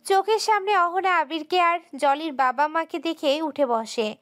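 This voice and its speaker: A woman with a high voice narrates a romantic audio story, reading in an emotive and steady way. Faint background music plays under her narration. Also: a little slow.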